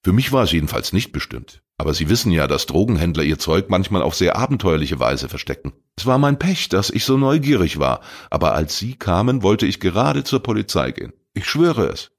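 A man's voice: deep voice, big pitch swings, fairly quick, hardly any pauses, exaggerated voice. A man reading a crime story voices a teenage boy who pleads and eagerly justifies himself. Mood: defensive. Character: teenage boy, defensive and talkative.

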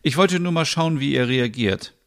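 A teasing young pregnant woman, as a man puts her on in a podcast soap opera. The voice is lifted clearly higher than his own, with a touch of gravel still underneath. Her delivery is light and playful. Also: normal speed, lightly acted.

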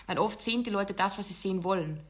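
A woman's voice: medium pitch, quick pace. A woman hosting a casual podcast chat, talking in an emphatic, direct way. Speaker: podcast host.

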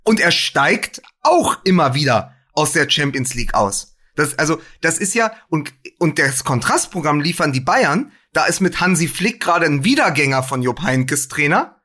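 Podcast co-host, man, animated and argumentative, high-pitched and bright. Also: normal speed, hardly any pauses. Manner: animated, opinionated, acts out coaches' voices. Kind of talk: casual football chat.

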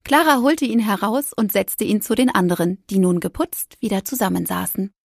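A woman narrating a children's story with gentle, lively storytelling. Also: mid-range voice, moderate pace, gravelly, no room sound, clean studio sound.

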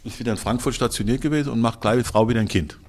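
A man's voice: mid-range voice, very fast. A man in his sixties, a guest in a casual interview, talking in a blunt, colloquial and emphatic way with some crude slang. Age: 60s.

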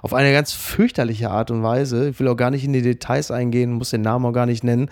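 A man co-hosting a podcast in casual chat, quick and chatty, on a close mic. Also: mid-range voice, flat delivery, a little mellow, dry recording. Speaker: podcast co-host.

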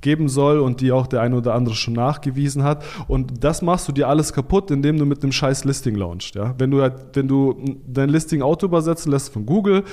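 A man's voice: mid-range voice, brisk, hardly any pauses, warm tone. A man as a podcast guest, giving blunt, informal advice on selling online, with frequent fillers and restarts. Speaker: podcast guest, Amazon seller consultant. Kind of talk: casual expert interview talk.

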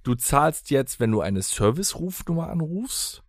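A man riffing loosely with friends on a podcast, jumping from joke to tangent. His pitch moves up and down a great deal. The sound is dry and close. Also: sing-song, moderate pace, no room sound. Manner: jokey, rambling, puts on silly voices. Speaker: podcast co-host. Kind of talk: casual banter.

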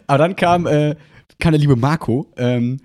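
A man hosting a podcast in casual chat, telling a story with lively acted-out dialogue. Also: a little high, normal speed. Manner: animated anecdote telling, acting out quoted dialogue. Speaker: podcast host.

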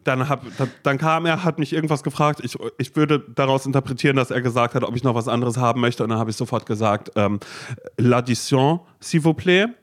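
A man's voice: mid-range voice, little pitch movement, fast, few pauses. A young man hosting a casual podcast chat, telling a self-mocking story full of fillers and restarts. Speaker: podcast host.

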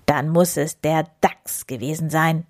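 A woman's voice: low-pitched, steady tone, measured pace, a little mellow. A woman voicing a grumpy, grouchy big male bear who grumbles and growls in a storybook read-aloud. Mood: grumbling.

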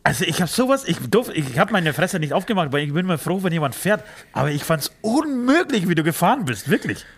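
A man's voice: a little high, very animated, fast talker, husky. Rambling German man, casual banter. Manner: rambling storyteller, many fillers and restarts. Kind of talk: casual chat.

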